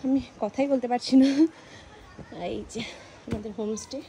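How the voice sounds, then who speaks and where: A woman travel vlogger with a fairly high voice talks straight to her phone camera, pointing out meals and mountain views. Her chat is casual and friendly. Clear ambient noise and passing vehicles sit behind her. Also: steady tone, normal speed, warm tone. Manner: chatty, showing food and views to viewers. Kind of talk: casual travel vlog narration. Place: outdoors in hills and indoors at homestays.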